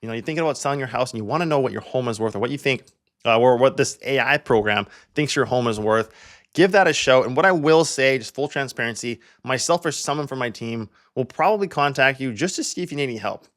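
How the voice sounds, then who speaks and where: Quick and expressive, with a mid-range pitch and fairly bright tone, a young man from Canada hosts a real estate walkthrough. The agent and video host keeps it casual, chattering away with lots of "like" fillers.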